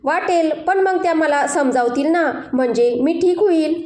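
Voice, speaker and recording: A woman voicing an innocent, affectionate young wife with a gentle, coaxing way of talking, in a storybook reading. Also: sits high, moderate pace, voice pushed up, lightly acted. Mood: sweet. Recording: roomy echo.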